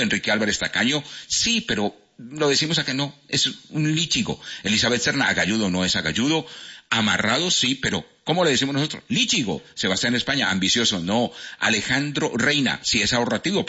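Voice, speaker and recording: Lively, playful man from Cali on radio. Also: lowish voice, husky. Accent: Colombian, Cali. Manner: playful, teasing, animated. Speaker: radio host. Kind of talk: live radio quiz chat. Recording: lo-fi radio broadcast.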